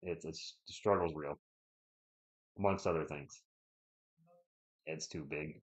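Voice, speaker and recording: Very deep and breathy, this man's voice holds a steady tone and moves slowly. Though his throat is sore and his voice is failing, he chats his way through casual live coverage of a basketball game, answering viewer messages between plays, on dull lo-fi stream audio.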